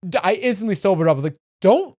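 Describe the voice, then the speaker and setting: A man's voice: high-pitched, expressive, rapid-fire, no echo, clean studio sound. A young man in his twenties, a podcast co-host telling a rambling, profane story in casual chat.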